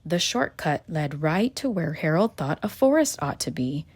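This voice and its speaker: A woman reading a children's picture book aloud in a gentle, expressive storytelling manner. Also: deep voice, normal speed, breathy edge. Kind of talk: children's read-aloud narration.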